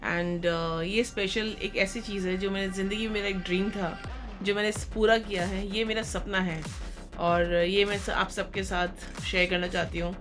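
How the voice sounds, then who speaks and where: A young woman chatting through an excited unboxing vlog, mixing in English phrases. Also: mid-range voice, moderate pace, soft background music. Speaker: vlogger.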